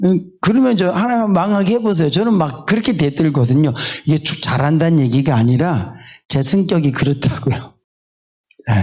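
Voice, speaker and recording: Man preaching, candid and chatty, fairly high voice, very lively pitch, casual asides. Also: slightly rough. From South Korea. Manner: candid, conversational preaching with frequent fillers. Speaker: pastor. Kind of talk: sermon. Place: church sanctuary.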